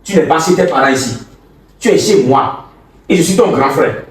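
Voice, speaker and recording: A man's voice: a little high, animated, moderate pace, lightly acted. A man playing a stern scolding older brother. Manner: scolding, repetitive stammer. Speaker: actor in a web skit. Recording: echoey room, far from the mic.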